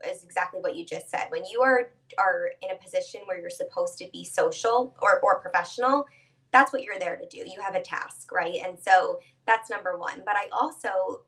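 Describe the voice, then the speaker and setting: A woman etiquette instructor explains her advice in a measured, patient way, guest in a conversational interview. Her voice sits at an ordinary pitch for a woman. She sounds a little set back from the microphone. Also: fairly bright tone, recorded from a distance.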